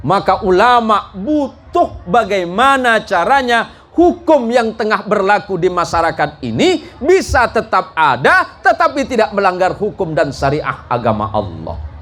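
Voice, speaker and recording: A man with a high-pitched, fairly bright voice preaches a sermon before a live congregation at a mosque gathering. His style is jocular and folksy, and he often puts questions to his listeners; the live recording has clear background noise.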